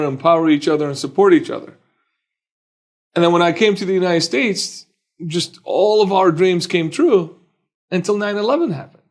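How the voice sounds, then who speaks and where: A man in his forties from Iraq, a personal injury attorney telling his life story as a podcast guest in an earnest, measured way. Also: fairly high pitch, darkish tone.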